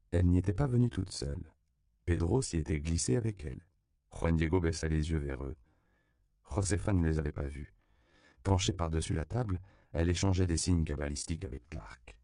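A man narrating an audiobook in a measured, steady reading style. His voice is very low and gravelly, with a dark, mellow tone. The recording is dry and close, with no room sound. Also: dry recording. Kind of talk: scripted narration.

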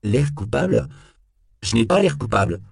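A man voicing a nervous, defensive suspect who stammers and bursts out in shrill panic in an audiobook. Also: animated, a little fast, gravelly, dark tone. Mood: indignant. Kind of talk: audiobook character voice.

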